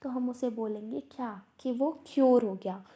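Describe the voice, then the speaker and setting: A woman teaching a study lesson, asking herself questions and answering them, reading quoted passages out slowly. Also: fairly high pitch, warm tone, slightly rough. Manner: slow, repetitive, asks herself questions. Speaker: teacher explaining homeopathy texts. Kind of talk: study lecture mixing Hindi and English.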